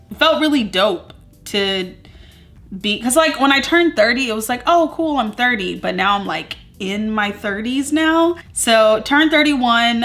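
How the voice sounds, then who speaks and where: A woman's voice: medium pitch, a bit bright. Chatty woman vlogger in her thirties. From Southern US. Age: 30s. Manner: chatty, upbeat, rambling with many fillers. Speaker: beauty vlogger. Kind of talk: casual chatty get-ready-with-me vlog. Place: at home among moving boxes.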